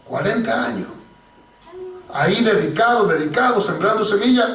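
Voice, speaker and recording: The speaker is a pastor whose high-pitched voice moves at a moderate pace as he tells a story from the pulpit of a church hall. His preaching is animated, and he frequently calls the listeners brothers, "hermano." The far-off recording carries a strong church echo.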